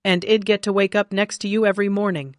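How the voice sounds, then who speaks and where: A woman's voice: mid-range voice, little pitch movement, quick pace, dry recording, studio quality, lightly acted. A woman reading the lines of a caring young male doctor, a husband who speaks eagerly and tenderly.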